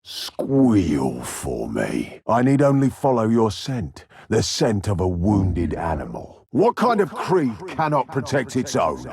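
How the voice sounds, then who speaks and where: An actor playing a deranged, sadistic Victorian serial killer in a video game, with a gravelly, husky British voice and a theatrical, taunting delivery. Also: male voice, sits low, a little mellow, dry recording, studio quality, full character voice. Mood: mocking threat. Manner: theatrical, taunting, drawn-out menace.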